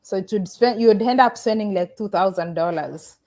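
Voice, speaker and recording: This YouTuber, originally from Africa and now based in the Caribbean, talks casually during a livestream, picking up chat messages and replying to viewers while frequently starting her sentences over. She sounds brisk, mid-pitched and somewhat dark in tone.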